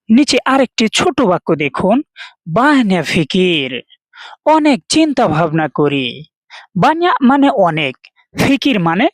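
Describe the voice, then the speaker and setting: In a dry recording, a woman from Bangladesh with a mid-range voice teaches vocabulary slowly, patiently going through each word and explaining it as a language teacher.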